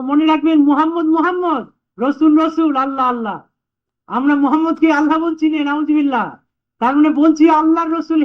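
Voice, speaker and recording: High-voiced man preaching, old lo-fi tape. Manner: patient, explains by repeating points. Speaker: Sufi preacher. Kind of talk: sermon before group remembrance. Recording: dull lo-fi 1981 recording.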